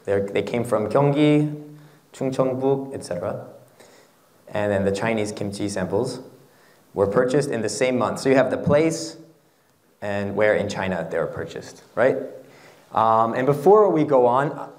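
Male lecturer, instructional and halting. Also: lowish voice, lively intonation, darkish tone. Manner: halting, instructional, checks with "okay" and "right". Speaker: lecturer on academic writing. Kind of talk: workshop lecture, explaining slides. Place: lecture hall in front of a seated audience. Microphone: handheld microphone.

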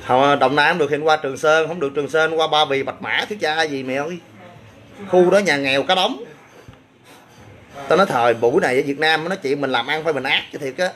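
A man's voice: on the high side, a little fast, a bit bright. Brash joking man with a Southern Vietnamese accent. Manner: brash, boastful, crude joking banter. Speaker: gym owner answering livestream comments. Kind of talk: casual livestream chat.

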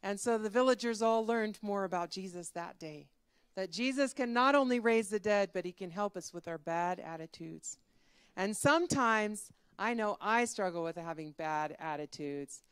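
A woman's voice: on the low side, clean tone, no room sound. A woman telling a Bible story to children during a church service. She talks animatedly, asks the children questions and leads them in prayer. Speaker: children's talk leader.

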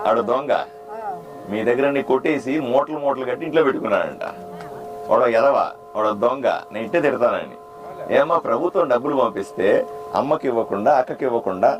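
A man, a doctor running for office, giving a repetitive, plain-spoken campaign speech that quizzes the crowd and demands loud answers. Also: medium pitch, lively intonation, fast talker, over music. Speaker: political candidate and doctor. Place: outdoor neighborhood gathering.

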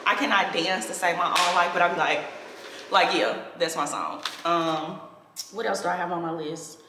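Female vlogger, St. Louis accent, lowish voice, playful slangy chat, echoey living room. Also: moderate pace. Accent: St. Louis American. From St. Louis, Missouri, USA. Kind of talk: casual chat to camera. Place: small indoor living room, seated on sofa. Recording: echoey, reverberant room with clear noise.

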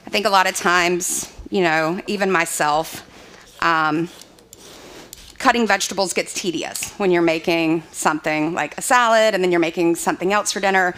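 A woman's voice: lowish voice, normal speed, fairly bright tone, slight background noise. A young adult woman chef, giving a live cooking demonstration in a chatty way with many fillers. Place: open screened dining hall.

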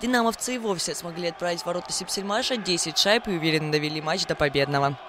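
A man's voice: sits high, fast, background noise. A man reading scripted sports news narration as a reporter.

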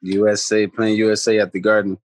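Speaking from indoors at home on a close-held phone video call, this Bronx-born pro basketball player is a guest spinning easygoing, wandering stories. He tags many lines with "you know what I mean," in a lowish voice that moves a little fast, with slight background noise behind him.

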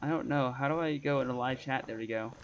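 A man's voice: mid-range voice, quick pace, slight background noise. A man streaming a survival game and chatting casually, often trailing off mid-sentence. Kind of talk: casual gameplay chat. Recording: dull lo-fi stream audio.

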